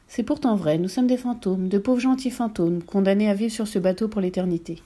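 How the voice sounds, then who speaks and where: A sad ghost princess tells her tale in a soft, sorrowful voice, as a woman reading a storybook puts her on. It sits a little above the reader's own pitch and stays mellow. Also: brisk, lightly acted.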